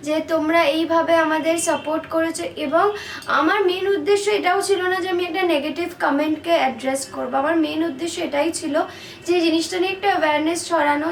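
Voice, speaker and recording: Chatty high-voiced young vlogger woman. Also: gravelly, roomy sound, slight background noise. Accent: Kolkata Bengali. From Kolkata, India. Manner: chatty, mixes English words into Bengali. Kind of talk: casual vlog chat. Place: home rooms and a restaurant.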